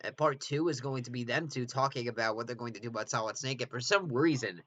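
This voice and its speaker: A man's voice: medium pitch, fast, a bit bright. A man talking through his own film as director, in a rambling, self-correcting way with chuckling asides. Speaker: film director giving commentary. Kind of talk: casual director's commentary. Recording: dull lo-fi recording with faint hiss.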